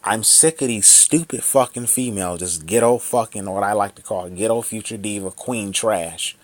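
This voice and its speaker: In a vlog, a man in his thirties rants angrily at the camera, swearing heavily and repeating himself. His voice is lowish and his speed normal.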